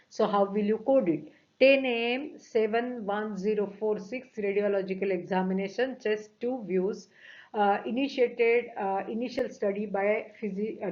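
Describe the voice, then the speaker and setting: A woman teaching medical coding from slides, methodical, often pausing on "uh" and stressing key words. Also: mid-range voice. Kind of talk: lecture walking through slides. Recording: dull lo-fi audio.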